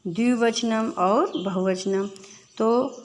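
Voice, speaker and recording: A woman's voice: on the high side, slow, a little hiss or hum. A woman teaching a children's lesson, patiently asking the children questions and then answering them herself. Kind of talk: classroom lesson explanation.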